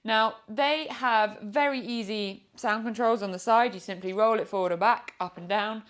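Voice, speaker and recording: A motorcycle vlogger and product reviewer with a British accent speaks at normal speed in a mid-range voice, offering a chatty, explanatory, informal review.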